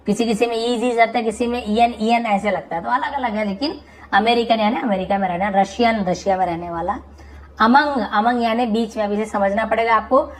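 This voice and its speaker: Patient woman tutor calling out words. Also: rough recording. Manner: calls out each headword loudly, then explains it in a lower voice; patient, repetitive teacherly explaining. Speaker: English tutor. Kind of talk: vocabulary lesson explaining English words in Hindi.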